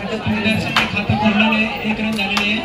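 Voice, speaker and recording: A man calling out runs and no-balls as a match announcer at an outdoor cricket ground, his voice carried over a PA loudspeaker. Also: high voice, completely flat delivery, fast talker, over loud music. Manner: loud, calls out runs and no-balls. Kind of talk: live cricket commentary. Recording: echoey loudspeaker from far off, loud crowd and noise.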